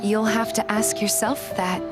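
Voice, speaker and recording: In a fan dub, a woman narrates a romance game in the first person and voices the lead, a guarded, feisty young heroine, acting out her lines. Her mid-range voice is steady and measured, lightly acted, with a wistful mood. Music plays behind her.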